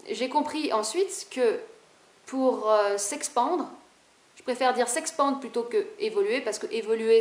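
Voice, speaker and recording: A woman spiritual vlogger talking fast and animatedly to camera in a casual, rebellious way, with a high-pitched voice. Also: a little mellow, reverberant.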